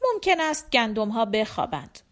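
Carefree young horseman, cheerful and easygoing, lifted and bright; a woman reads him. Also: fairly high pitch, very animated. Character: carefree young male rider, laughing.

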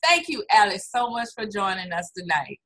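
An American woman hosts an online interview, her mid-range voice bright with a clear, forward edge. She speaks at a moderate pace with lively enthusiasm, leaning into words for emphasis, though the recording quality is low.

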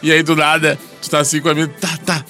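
A man's voice: fairly high pitch, completely flat delivery, quick pace, over music. A man, telling a theatrical story in a casual panel chat. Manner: theatrical, swinging voice. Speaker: podcast panelist.

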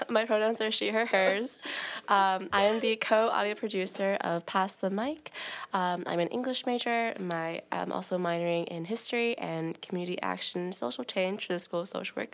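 A relaxed young woman in her twenties introduces herself on a student podcast. She speaks at a middling pitch and fills her pauses with um and uh. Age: 20s. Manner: relaxed, filler-heavy. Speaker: student co-audio producer.

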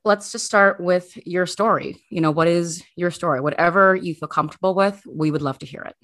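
A woman's voice: lowish voice, a little fast, fairly bright tone. A woman hosting a podcast interview, speaking in an encouraging, conversational way. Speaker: podcast host.

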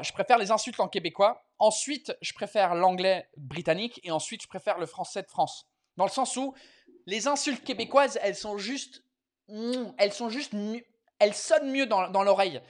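A man's voice: high-pitched, animated, moderate pace. Swearing bilingual comedian host, man. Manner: mixes French and English, swears freely. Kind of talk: casual bilingual live chat.

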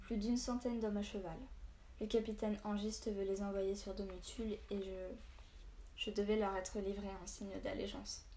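A woman's voice: medium pitch, level tone, normal speed, dark tone, echoey room, slight background noise, close to an everyday voice. A woman voicing a frightened young village girl in a storybook reading. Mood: urgent.

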